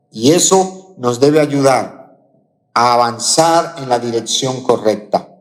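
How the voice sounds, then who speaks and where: A Colombian man preaching a sermon, leaning on slow, emphatic repetitions. His voice sits somewhat high for a man and rings out with the long reverb of a church hall. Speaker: pastor. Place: church auditorium.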